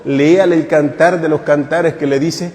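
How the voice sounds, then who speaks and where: A man's voice: a little high, steady tone, normal speed, a little mellow, in a large hall. A man who is a priest, giving a catechesis sermon at a retreat in a conversational, joking way and putting questions to the congregation. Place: parish church.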